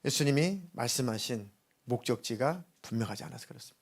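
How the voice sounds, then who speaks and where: A man's voice: medium pitch, animated, fast. A male pastor preaching a sermon in an earnest, urging manner, now and then acting out quoted voices.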